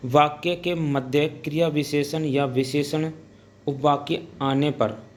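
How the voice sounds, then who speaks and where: A male teacher gives a measured lesson at a very unhurried pace. He sets out each term with a pause, dictates his examples, then explains them. Faint noise sits under his voice. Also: a little high, fairly even intonation. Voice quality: deliberate, pausing between listed items. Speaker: Hindi grammar teacher. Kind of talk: slow explanatory classroom lecture.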